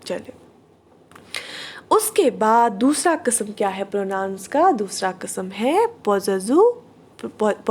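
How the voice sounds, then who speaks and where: A woman teaching an online English grammar class, explaining patiently, asking the class questions and slowing down to read out examples. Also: on the high side.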